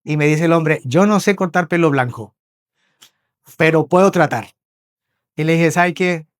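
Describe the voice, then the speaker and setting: A man from Spain preaching a sermon, telling lively stories, acting out voices and often checking in with his listeners. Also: fairly high pitch, a little slow, clear, resonant tone, dry recording, studio quality. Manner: animated storyteller, acts out voices, checks in with listeners. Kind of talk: sermon with storytelling. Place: church hall.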